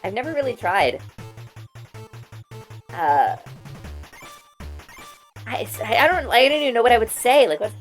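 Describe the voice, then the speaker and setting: A woman streamer chatting casually with her viewers through a voice changer that shifts her pitch down, giggling and rambling as she answers them. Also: big pitch swings, unhurried, pauses often, faint music behind. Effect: voice changer, pitch shifted lower.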